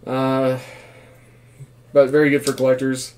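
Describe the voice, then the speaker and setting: Male vlogger, casual reviewer, mid-pitched with flat intonation. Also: a little slow. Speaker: gas mask reviewer, former Marine. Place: small room indoors.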